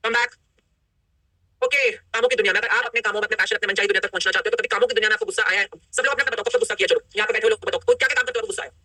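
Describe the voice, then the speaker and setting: A middle-aged woman leading a live online workshop, energetic and coaxing, often putting questions to the group through a laptop mic on a video call. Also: medium pitch, rapid-fire, few pauses, breathy edge, no echo. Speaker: workshop coach.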